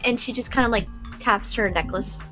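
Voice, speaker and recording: Female tabletop player, higher-pitched, playful and slangy, light music behind. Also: moderate pace, bright, forceful tone. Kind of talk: casual in-character table chat.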